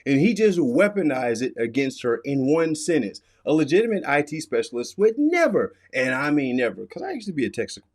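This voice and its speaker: A fairly high, slightly mellow voice belongs to a middle-aged American man hosting an explainer as an expert. His delivery is emphatic and instructional, and he keeps repeating the key warnings.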